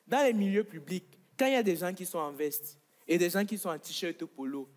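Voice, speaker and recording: A man's voice: sits high, lively intonation, normal speed. A man from Congo performing stand-up comedy on a stage, with a playful, boastful delivery. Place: comedy stage with live audience.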